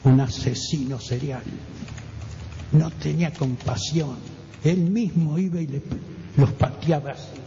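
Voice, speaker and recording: Older Rioplatense man as a radio witness, halting and repetitive; dull, hissy, reverberant recording. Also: on the high side, mellow. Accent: Rioplatense Spanish. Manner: halting, repeats words, acts out others' voices. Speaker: witness guest. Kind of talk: personal testimony on radio. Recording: dull roomy radio recording with faint hiss.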